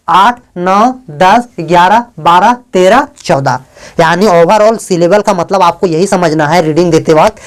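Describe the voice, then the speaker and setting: A male English teacher giving a classroom lesson, often questioning his students, spelling letters out slowly and joking with them in a fatherly way. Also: high voice. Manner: calls students "beta" in a fatherly way.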